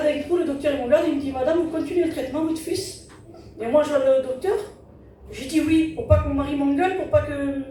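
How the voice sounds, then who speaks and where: A woman's voice: sits high, warm tone, slight background noise. A woman giving an earnest testimony at a church service, retelling events through a string of repeated "I said" and "he said". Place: church hall during a service. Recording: very echoey hall, distant mic, music behind.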